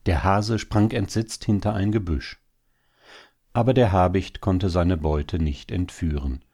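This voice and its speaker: A man narrating an audiobook story in a measured, solemn manner. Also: deep voice, mellow.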